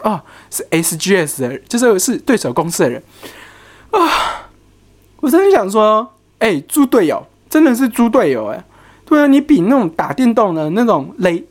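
An HR worker telling a work story in a casual vlog, animated and exclamatory, mixing in English words and the odd curse. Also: medium pitch.

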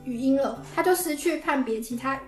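A woman's voice: high-pitched, fairly quick, reverberant, faint music behind. A woman with a Taiwanese Mandarin accent explaining things casually as a podcast guest.

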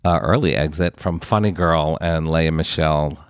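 A man's voice: extremely low pitch, moderate pace, clean tone, no echo, clean studio sound. A man co-hosting a casual pop culture chat podcast, with a theatrical, emphatic, campy delivery. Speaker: podcast co-host.

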